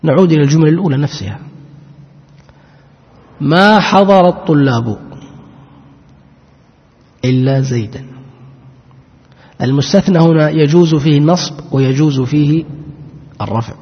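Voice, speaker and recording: A man teaching grammar, who asks his own questions, answers them, and draws out each example sentence slowly. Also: on the high side, breathy edge. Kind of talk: Arabic grammar lesson. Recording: muffled lo-fi recording with long hall reverb.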